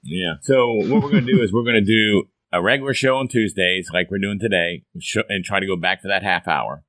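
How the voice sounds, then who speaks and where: This podcast host talks briskly in a folksy, upbeat casual chat, his hoarse, lowish voice landing bright and forceful. The recording is dry and close, with no echo or room around it.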